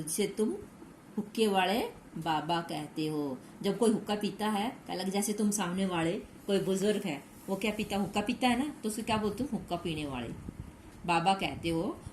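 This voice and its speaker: A woman teacher with a Hindi accent and a mid-range, slightly mellow voice reads a story aloud to young pupils. She restates each line in simple words and asks the class questions, recorded in an echoey room with faint background noise.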